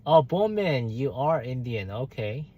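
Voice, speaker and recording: On his livestream, a young South Korean host reads viewer comments and chats casually, hesitating often with many fillers and restarts. His medium-pitched voice has an unhurried, sing-song lilt and a slightly rough edge, and the sound is lo-fi.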